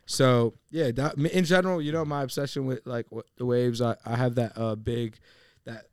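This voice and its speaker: A man's voice: mid-range voice, fairly even intonation, normal speed, a little mellow, clean tone, dry recording, clean studio sound. A man guesting on a podcast, chatting casually and rambling with lots of fillers. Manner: laid-back, rambling with many fillers.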